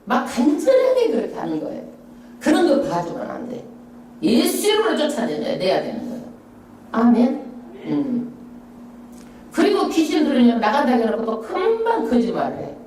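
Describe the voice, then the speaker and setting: A middle-aged woman pastor preaches and leads the reading of scripture, driving her points home with rhetorical questions. Her mellow voice swings up and down in pitch. It rings out through a reverberant church hall, picked up from a distance. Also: normal speed, pauses often, slight background noise. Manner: emphatic, rhetorical questions, lively swoops in pitch. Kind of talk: Bible-study sermon with congregational reading. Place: church sanctuary.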